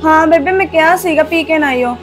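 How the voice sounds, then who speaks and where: An actress playing a young married daughter-in-law who quietly complains about her husband yet stays loyal to her home. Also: sits high, fairly quick, over music, lightly acted. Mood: subdued. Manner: subdued, complaining softly. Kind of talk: village family drama acting.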